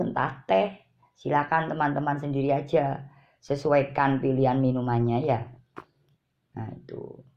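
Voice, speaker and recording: A woman giving parenting advice in a calm, repetitive way, speaking directly to her viewers. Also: deep voice, gravelly. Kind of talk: informal advice talk to parents. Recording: dull lo-fi recording.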